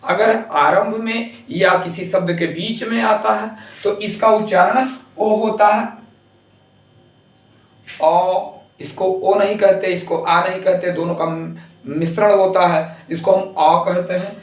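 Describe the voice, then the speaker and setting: A man teaching English pronunciation in Hindi, spelling words out slowly letter by letter. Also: high voice, steady tone, reverberant, far from the mic. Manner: slow, deliberate letter-by-letter explanation.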